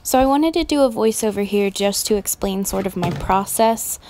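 A woman's voice: mid-range voice, normal speed, a little mellow, a little hiss or hum. A young woman in her twenties recording a casual voice-over that explains her process step by step. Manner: plain, explaining steps. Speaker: vlogger.

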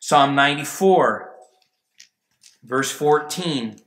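Male pastor, high bright voice, emphatic preaching, roomy church sound. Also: animated, very slow. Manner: emphatic preaching, rising to near shouts. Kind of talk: sermon. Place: church sanctuary. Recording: echoey church room.

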